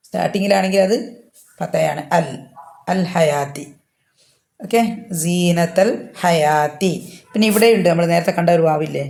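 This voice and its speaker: ഖുർആൻ പാരായണ നിയമങ്ങൾ ക്ഷമയോടെ പഠിപ്പിക്കുന്ന ഒരു സ്ത്രീ, ഓരോ വാക്കും പതുക്കെ ഓതി ആവർത്തിക്കുന്നു. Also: female voice, fairly low pitch, vocal fry, mellow. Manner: slow and patient, recites each phrase then repeats it. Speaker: Quran recitation teacher. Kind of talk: explaining Quran recitation rules.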